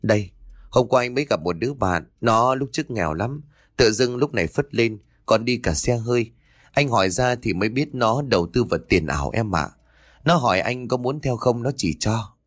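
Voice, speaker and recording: A man's voice: mid-range voice, animated, moderate pace, dry recording, studio quality, lightly acted. A man doing a brusque, evasive young husband. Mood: persuasive. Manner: dismissive, evasive.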